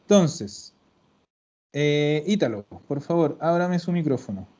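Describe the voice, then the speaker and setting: Man, patient teacher, unhurried delivery, lo-fi video call sound. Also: a little high, expressive, mellow. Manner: slow, patient explaining, addresses students formally. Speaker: Italian teacher. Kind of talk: online class lesson. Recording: dull lo-fi video call audio.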